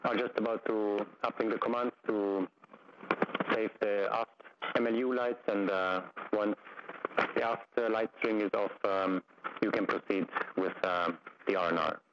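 A man's voice: fairly low pitch, steady tone, fairly bright tone. Man on a crackly mission radio loop. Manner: halting, many fillers, procedural. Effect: crackly space-to-ground radio loop with clicks. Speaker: flight controller at a European control center. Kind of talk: mission control radio calls. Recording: muffled, noisy radio channel.

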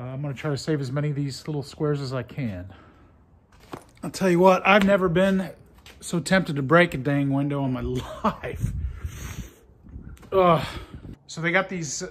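Chatty man vlogging from an old factory. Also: fairly high pitch. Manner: chatty, rambling with many "uh" fillers. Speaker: vlogger renovating an old building. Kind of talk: casual storytelling vlog. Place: large empty old factory floor, indoors. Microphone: phone held at arm's length.

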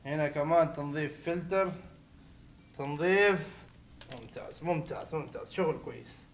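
A young man doing playful, teasing let's-play commentary, often laughing and breaking into shouts. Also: fairly high pitch, moderate pace, slight background noise. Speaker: gaming video host.

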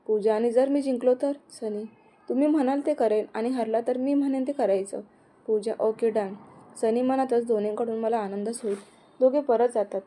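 A woman's voice: fairly high pitch, dark tone. A woman narrating a romance story, reading the characters' dialogue in her own voice.

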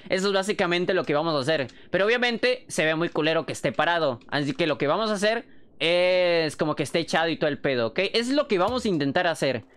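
A young man with a Mexican accent, chatting fast and excitably on a livestream, swearing freely while showing how he works. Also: fairly high pitch, smooth. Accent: Mexican Spanish. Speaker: streamer. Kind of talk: casual livestream chat.

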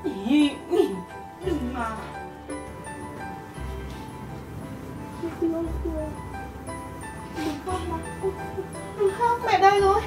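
An actress playing a frail elderly mother with memory loss, who repeats her words softly and soothingly as if to a child. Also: extremely high pitch, expressive, takes it slowly, exaggerated voice. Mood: comforting. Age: older. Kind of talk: melodrama acting. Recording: roomy, distant mic, music behind.

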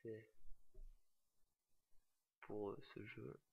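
A man's voice: on the low side, level tone, very slow, creaky, breathy edge, no echo, muffled recording. A young French man commenting on a horror game in casual chat, nervous and swearing, laughing at himself. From France. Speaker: gamer. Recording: quiet, uneven home mic.

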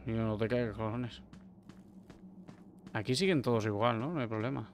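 A young man from Spain giving casual, excitable let's play commentary, swearing often. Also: medium pitch, normal speed. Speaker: gamer. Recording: noisy with game sounds behind.

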